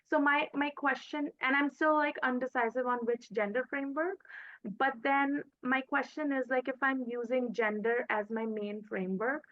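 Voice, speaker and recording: A woman participant asks a long, searching question over a video call, hesitant and full of fillers. Her voice sits somewhat high, and the call audio is dull and lo-fi. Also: no room sound. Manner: hesitant, many fillers and restarts. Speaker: summer school participant asking a question. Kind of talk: online Q&A.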